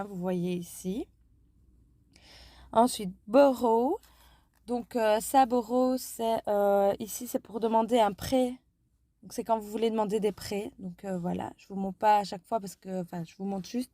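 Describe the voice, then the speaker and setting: A woman's voice: medium pitch, dark tone, dry recording. A woman casually walking viewers through a phone app, talking hesitantly with many fillers and self-corrections. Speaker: app tutorial vlogger. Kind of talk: casual screen-recorded app walkthrough.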